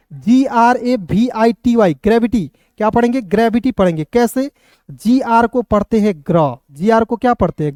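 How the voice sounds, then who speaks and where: In an extremely high, mellow voice, a man teaches phonics online, spelling out each word letter by letter. He addresses viewers like friends, posing questions and answering them himself, and the recording is dry.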